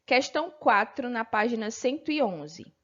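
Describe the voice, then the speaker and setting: A woman's voice: on the high side, animated. Patient Brazilian woman teacher, lo-fi. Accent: Brazilian Portuguese. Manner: patient, explains slowly, frequent "tá bom?" check-ins. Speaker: primary school teacher. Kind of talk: remote textbook lesson.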